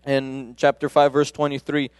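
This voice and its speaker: A man's voice: medium pitch, monotone, moderate pace, clear, resonant tone, dry recording, studio quality. A man giving a conversational sermon, often breaking off and restarting his sentences. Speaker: preacher. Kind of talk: casual sermon.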